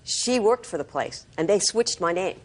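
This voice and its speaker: A woman's voice: medium pitch, expressive, normal speed. An American woman giving flustered answers as a litigant in a TV court.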